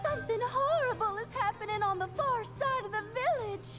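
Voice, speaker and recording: A fretful little game villager, fluttering as she cries for help like a damsel in distress. Her voice is extremely high, with music playing behind it. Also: a little fast. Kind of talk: video game character acting.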